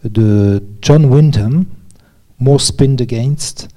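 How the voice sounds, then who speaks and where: Courteous, hesitant male host of a literary talk; warm, relaxed tone. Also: mid-range voice, extremely slow. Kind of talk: literary discussion.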